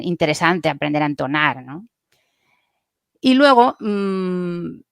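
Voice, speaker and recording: A woman's voice: on the low side, vocal fry, no room sound, studio quality. A woman speech therapist, patiently explaining how the voice works and demonstrating sounds as a podcast guest.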